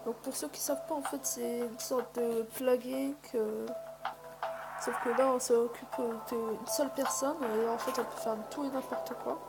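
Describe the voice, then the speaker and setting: Hesitant gamer woman over loud music. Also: fairly high pitch, fairly even intonation, a little slow, creaky, low-quality recording. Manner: hesitant, many fillers and mild swearing. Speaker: gaming video host. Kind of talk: casual let's play commentary. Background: loud background music.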